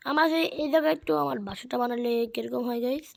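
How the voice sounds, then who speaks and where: A woman, giving excitable casual commentary while playing a video game. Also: fairly high pitch, fast talker, gravelly. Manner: excitable, keeps saying "bhai". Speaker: gamer streamer.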